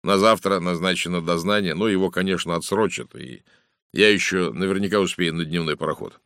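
A man voicing a brisk, blunt middle-aged police inspector in an audiobook, talkative and matter-of-fact. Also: deep voice, vocal fry, fairly bright tone, clear, resonant tone, no room sound, clean studio sound. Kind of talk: audiobook character voice.

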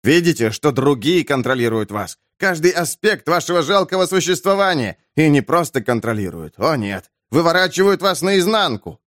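A man voicing a young male preacher who lectures and rouses a crowd in a high, excitable voice. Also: moderate pace, few pauses, no room sound, studio quality. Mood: rousing. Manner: preaching, rousing, high-strung.

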